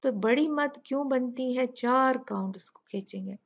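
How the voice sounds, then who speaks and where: A woman teaching Quran recitation rules in a tajweed tutorial, explaining patiently step by step and repeating examples slowly. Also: high-pitched, dull audio.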